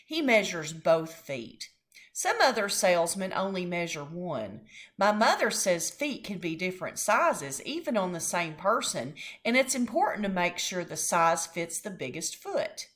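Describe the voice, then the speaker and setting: A woman reads a children's chapter book aloud in an expressive, storytelling way. Her voice sits fairly low and moves lively up and down. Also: unhurried. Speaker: teacher reading aloud.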